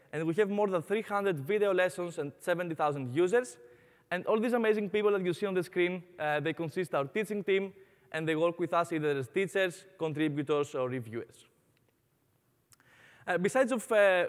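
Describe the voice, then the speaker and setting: A young Greek man with a Greek accent gives an upbeat conference talk on stage in a large hall, using frequent "uh" fillers. His voice is high-pitched.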